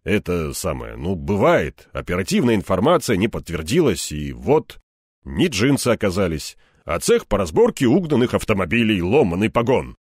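A gruff older police chief, read by a male narrator in an audiobook, grumbling in a low, offhand voice. His delivery is casual and dismissive. The sound is dry and close. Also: very animated, normal speed, dry recording, heavily acted.

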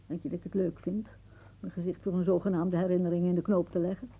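A husky, low-ish female voice with little pitch movement plays a dreamy, whimsical old aunt in a radio drama, talking fast. Wry and reminiscing, she muses theatrically and drifts into hushed asides, though the audio quality is poor.

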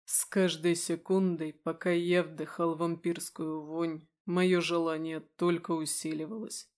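Monotone male audiobook narrator. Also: fairly high pitch, unhurried. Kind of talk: first-person audiobook narration.

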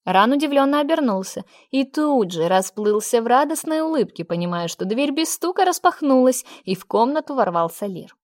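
A woman reading a novel aloud as an audiobook narrator, in a steady, measured storytelling manner. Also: on the high side, no room sound, studio quality. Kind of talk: scripted narration.

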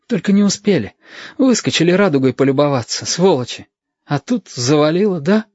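A man's voice: on the high side, expressive, fairly quick, a little mellow, no echo, voice pushed up. A man reading an audiobook voices an anxious, eager young boy with pleading, breathless questions. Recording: dull, dry lo-fi audio.

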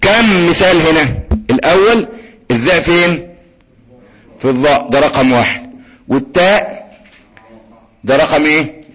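A man with an Egyptian accent teaching Quran recitation, slowly sounding out letters and having students repeat after him. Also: a little high, fairly bright tone, husky, dull audio. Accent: Egyptian Arabic. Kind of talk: tajweed lesson with call-and-repeat drills.

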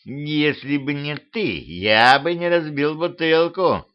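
A man's voice: fairly high pitch, takes it slowly, clear, resonant tone, pitched above the performer's own voice. A man voicing a small, sly male house spirit who talks in a mewing, pleading way, read for a homemade audiobook. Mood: whiny. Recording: slightly dull homemade audiobook recording.

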